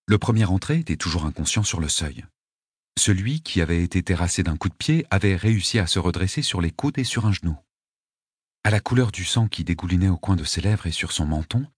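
A man narrating an audiobook in a vivid, lively reading. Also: low voice, slightly rough, no echo, studio quality.

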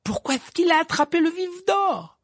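A man voicing an agitated, hot-tempered teenage boy in an audiobook, shouting indignant outbursts. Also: very high voice, big pitch swings, moderate pace, no echo, studio quality, voice pushed up, full character voice. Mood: outraged.

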